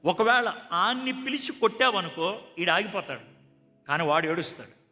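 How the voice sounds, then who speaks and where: A man's voice: sits high, moderate pace. A man preaching a sermon, telling stories and acting out their dialogue. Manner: animated, acts out dialogue in a conversational tone. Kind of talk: sermon with storytelling. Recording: echoey hall with faint music.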